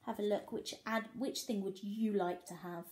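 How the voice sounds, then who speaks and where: Reading a picture book to young children, this woman teacher uses a steady, somewhat mellow mid-range voice at normal speed. Her animated read-aloud includes expressive asides and questions that coax the little listeners.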